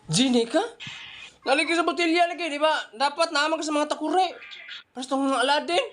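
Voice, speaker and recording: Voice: high voice, fairly bright tone, a little hiss or hum. Skit maker flipping between voices. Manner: switches between put-on voices. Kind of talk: one-person comedy skit, playing several parts.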